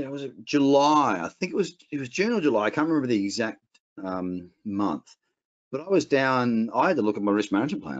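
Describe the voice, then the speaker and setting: A man with an Australian accent teaching a casual trading webinar, blunt and rambling, with frequent restarts. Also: on the low side. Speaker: trading educator. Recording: dull lo-fi webinar audio.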